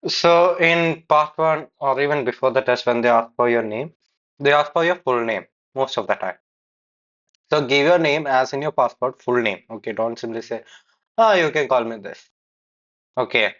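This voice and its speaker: A man explains how to improve answers on a speaking exam, stopping to correct and restate phrases. His voice sits at a middle pitch. The recording sounds a little dull and lo-fi. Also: normal speed, a bit bright. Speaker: IELTS coach giving feedback. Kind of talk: feedback commentary on a recorded test.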